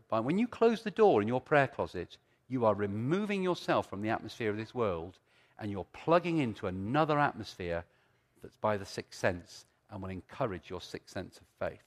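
Male preacher, mature, lively intonation, conversational storytelling style with rhetorical questions. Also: medium pitch. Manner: conversational, repeats phrases for emphasis, rhetorical questions. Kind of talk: sermon with storytelling and teaching.

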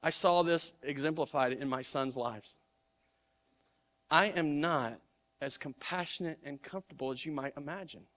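Preaching in a sincere, talky manner, a middle-aged man keeps restarting his words as he works through a sermon. His pitch is fairly high, the pace moderate, the tone a bit bright.

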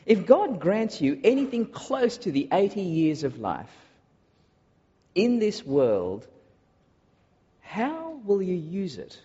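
A man from Malaysia preaching a sermon to a congregation, earnest and often pausing on filler uhs. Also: high voice, huge pitch swings, warm tone, husky. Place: large church hall. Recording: dull recording in a long-echo hall.

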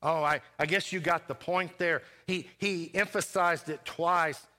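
A man preaching a dramatic sermon with a bright, forceful voice. He is animated and stammers as he throws quick questions at the congregation. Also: a little high. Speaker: pastor. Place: church.

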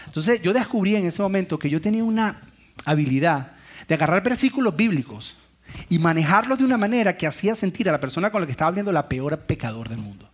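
A man's voice: high voice, animated, fast talker. A middle-aged man, a pastor, preaching a sermon on family conflict and telling stories with acted-out quotes. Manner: storytelling with acted-out quotes and laughs.

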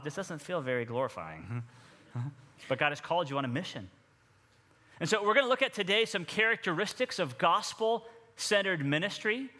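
A man preaching a sermon as pastor of a church, energetic and drawing the congregation into responses. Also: fairly high pitch. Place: church sanctuary. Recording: long hall reverb.

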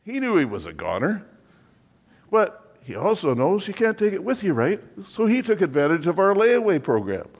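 A man playing a fussy biblical-era undertaker who pitches his business with exasperated, theatrical sales patter. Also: wildly swooping pitch, normal speed, long reverb tail, full character voice. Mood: salesy, wry. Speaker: comic monologue performer. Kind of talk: comic character monologue.

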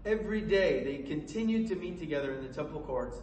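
A man's voice: fairly high pitch, animated, a little mellow, distant mic, a little hiss or hum. Earnest man preaching in an echoey room. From Colorado, USA. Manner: earnest, halting with many fillers and restarts. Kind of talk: sermon. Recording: echoey room from away from the mic.

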